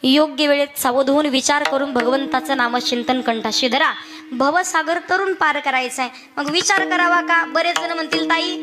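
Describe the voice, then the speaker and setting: Bright high-voiced woman kirtan preacher. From Maharashtra, India. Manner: questions the audience and sings verses slowly. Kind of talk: devotional kirtan sermon with sung verses.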